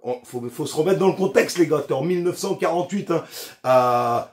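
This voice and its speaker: Fishing youtuber guy, kinda high voice, chatty and slangy, tells it like a mate. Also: brisk. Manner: chatty and slangy, with frequent restarts and asides to the viewer. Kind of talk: casual explainer vlog.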